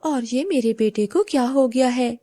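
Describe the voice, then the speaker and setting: A woman's voice: high voice, moderate pace, dark tone, no room sound, close to an everyday voice. A woman voicing an angry, grieving mother bulbul bird in a cartoon, harsh and accusing.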